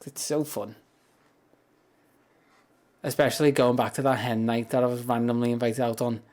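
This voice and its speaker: A man chats loosely and at length on a livestream, his deep, grumbly voice kept low rather than projected. A close-up, high-gain streaming mic picks up every soft word of his flat, moderately paced delivery.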